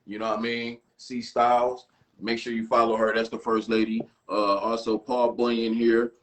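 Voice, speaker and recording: A man's voice: mid-range voice, level tone, moderate pace, fairly bright tone, poor audio. A man from Detroit, a guest in a casual interview, talking in a hyped, slangy way. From Detroit, Michigan. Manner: hyped, slangy, laughs a lot.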